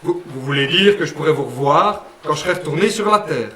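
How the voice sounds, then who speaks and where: A man's voice: fairly high pitch, lively intonation, fairly quick, crowd noise, close to an everyday voice. A man voicing a cheeky, naive working-class puppet man from Liège with a Liège accent, folksy and full of "hein", in a puppet radio play. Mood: chatty. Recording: roomy sound, mic at a distance.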